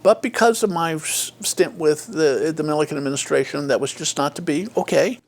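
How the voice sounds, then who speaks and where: Older man with a gravelly, fairly high voice. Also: a little fast. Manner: frequent fillers and restarts, acts out quoted dialogue. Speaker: interview guest, former state official. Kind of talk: reflective storytelling interview.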